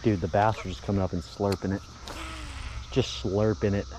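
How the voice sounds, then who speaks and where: A young man vlogging while pond fishing, excitedly talking to his viewers. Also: on the low side, normal speed, noisy background. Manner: excited, exclamatory, talks to viewers. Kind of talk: casual outdoor fishing vlog. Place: outdoors by a pond.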